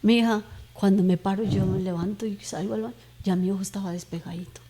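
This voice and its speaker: Warm-voiced woman giving an earnest testimony. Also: medium pitch, steady tone, fast, husky. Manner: earnest, emotional storytelling with fervent prayer retold aloud. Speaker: guest giving a faith testimony. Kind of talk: personal testimony in conversation.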